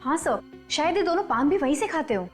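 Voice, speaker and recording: An actress playing a businesslike young police officer in a TV crime drama. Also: female voice, sits high, very animated, brisk. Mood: reporting. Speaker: actor in a crime drama series. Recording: music behind the voice.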